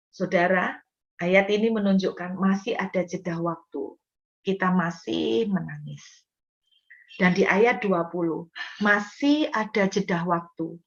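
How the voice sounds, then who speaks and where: A woman preaching a sermon, speaking earnestly and straight to her congregation, with loud emphatic words and softer asides. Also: medium pitch, lo-fi sound.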